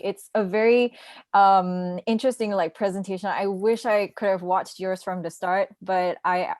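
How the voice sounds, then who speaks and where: Here a young woman from Malaysia, an assistant language teacher taking part in the session, chats away on a video call during a relaxed online conference talk. She sounds lowish and a little mellow, sprinkling in plenty of fillers and small laughs, and the recording is dry.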